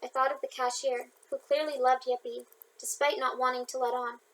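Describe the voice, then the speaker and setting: A woman's voice: high-pitched, flat delivery, brisk, a bit bright, rough recording. A young woman reading her own audiobook aloud in an informal way, with slips and chatty asides to listeners. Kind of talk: audiobook narration.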